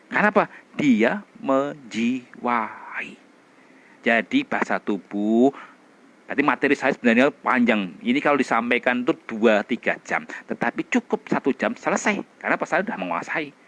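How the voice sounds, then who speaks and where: A middle-aged man with a medium-pitched voice runs an energetic public speaking class. He demonstrates expressions and vocal drills, moving between loud chants and quiet whispers.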